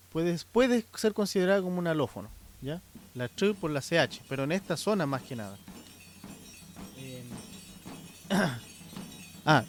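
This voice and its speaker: A man, his voice sitting a little high for a man, teaches on a radio program. He explains in an unhurried way and keeps pausing to check in with the listener. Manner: unhurried, checks in with frequent "¿ya?" and "¿cierto?". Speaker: radio host teaching the language.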